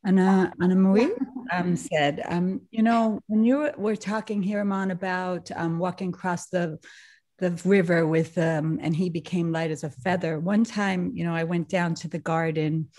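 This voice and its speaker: A woman's voice: lowish voice, moderate pace. A woman on a video call sharing a personal story with a group, laughing often as she talks. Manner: animated, laughing often, many restarts. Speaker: satsang participant sharing a story.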